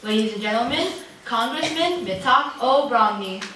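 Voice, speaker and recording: A woman's voice: fairly high pitch, animated, normal speed. Woman doing an old newsreel bulletin announcer. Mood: formal. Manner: formal, announcing. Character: female radio news announcer reading a special bulletin. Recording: echoey hall from far off, noisy.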